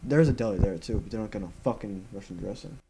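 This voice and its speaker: A man's voice: lowish voice, lively intonation, fast talker, gravelly, background noise. A teenage boy co-hosting a casual podcast, wry and offhand. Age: teens. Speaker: podcast co-host. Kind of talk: casual chat.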